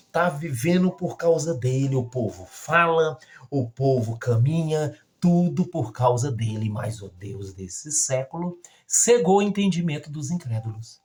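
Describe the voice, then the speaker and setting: A Brazilian Portuguese-accented man preaches as a missionary, leaning on each phrase with emphasis. His voice sits fairly high, and he takes his time, drawing out scripture slowly. The tone is folksy and plain-spoken. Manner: slow, emphatic, folksy, reads scripture aloud. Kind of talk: sermon-style Bible teaching.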